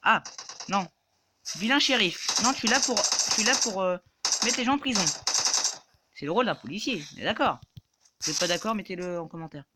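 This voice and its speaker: A man giving live gameplay commentary, excitable and swearing, yelping and shouting when in danger. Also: sits high, heavy background noise. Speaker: gaming YouTuber.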